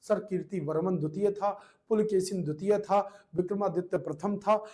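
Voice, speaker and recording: A man with a high-pitched voice runs an exam coaching lesson. He repeats each answer several times and nags his students in a playful, scolding way. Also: moderate pace, a little mellow. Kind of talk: online class quiz lesson.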